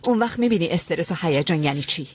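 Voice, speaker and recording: Reluctant impostor, skeptical and sharp. Animated, husky delivery, dry studio sound. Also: female voice, on the low side, dry recording. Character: reluctant woman pushed into posing as her sister. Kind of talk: dubbed TV drama.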